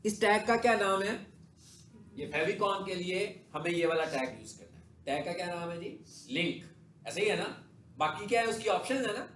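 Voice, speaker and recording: A man's voice: sits high, lively intonation, moderate pace, fairly bright tone, slight background noise. A man teaches a class while showing his screen. He keeps asking his students questions and answers them himself. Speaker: digital marketing instructor. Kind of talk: classroom lecture with screen demo.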